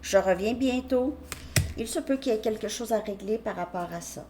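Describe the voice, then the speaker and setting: A woman's voice: a little high, moderate pace, background noise. Hesitant woman reading tarot. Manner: hesitant, restarts often, checks in with "ok?". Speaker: tarot reader.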